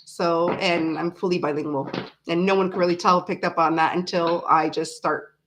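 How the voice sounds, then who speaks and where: A tired livestream host in her forties, Canadian-born and raised in South Florida, chats casually while reading live comments, her accent falling between American and Canadian. She rambles in loose runs full of "ums" and restarts, like someone answering viewers late in a long session. Her voice is lowish and fairly even at a normal speed, with a little hiss or hum.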